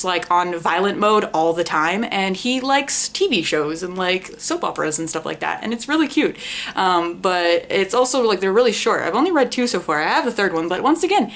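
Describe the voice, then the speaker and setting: Talking to camera about a book, a young adult woman who runs a book vlogging channel speaks in a medium-pitched, slightly bright voice. Her chat is casual, rambling and self-deprecating, full of informal language and swearing.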